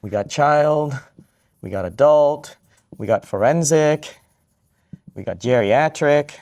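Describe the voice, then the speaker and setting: A man's voice: fairly high pitch, expressive, slow pace, darkish tone. A man from Vietnam who works as a psychiatrist, giving a live question-and-answer talk to students, upbeat and joking, repeating each question back.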